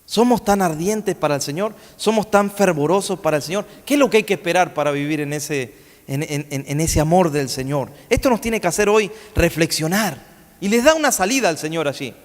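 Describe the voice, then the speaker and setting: High-voiced preacher in an echoing church. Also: male voice, expressive, a little fast. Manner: storytelling, asks the congregation questions. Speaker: guest preacher. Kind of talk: sermon. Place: church sanctuary. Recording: long church hall reverb.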